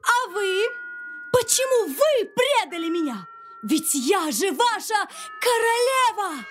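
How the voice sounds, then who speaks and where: A man's voice: very high voice, sing-song, slow pace, a bit bright, soft background music, voice pushed up, heavily acted. A man voicing an angry, imperious queen who shrieks and scolds. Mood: furious.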